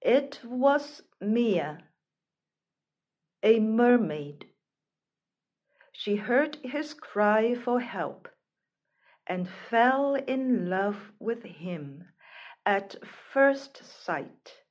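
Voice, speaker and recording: A woman reading a fairy tale aloud as a measured, expressive storyteller. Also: fairly high pitch, dull audio. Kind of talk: scripted storybook narration.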